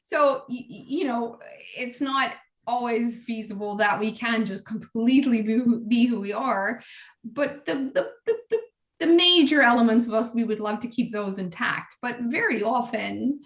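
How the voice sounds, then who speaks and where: A woman's voice: fairly high pitch, moderate pace, lo-fi sound. A woman guest speaking earnestly in a casual interview, often repeating words as she restarts her thoughts. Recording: roomy echo.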